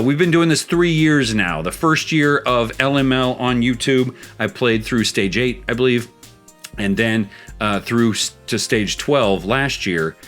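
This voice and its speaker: A man from South Texas hosting a gameplay channel, chatting playfully while he plays a game and tells a story. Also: a bit bright. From South Texas, United States. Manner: chatty and playful, jumping into high exclaims. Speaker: host.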